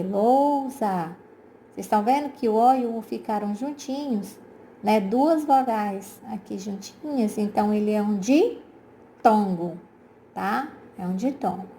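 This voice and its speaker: With a warm, medium-pitched voice and a little hiss or hum on the recording, this Brazilian teacher walks her pupils through a grammar exercise. Speaking with a Brazilian Portuguese accent, she is patient and repetitive, checks in often, addresses them as "gente," and favors affectionate diminutives.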